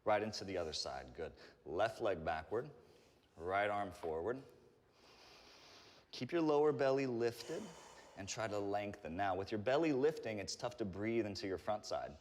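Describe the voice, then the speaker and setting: A man giving calm, encouraging step-by-step instruction as he leads a guided stretching workout. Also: fairly low pitch, moderate pace. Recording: reverberant room with long echo.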